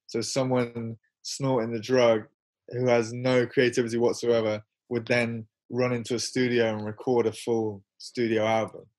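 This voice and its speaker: A man's voice: mid-range voice, little pitch movement, moderate pace, a little mellow. Young guy rambling on in a chill interview, laughs a lot, mid voice, keeps restarting. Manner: rambling and self-mocking, laughs often, many restarts. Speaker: interview guest, musician and filmmaker. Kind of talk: casual interview chat.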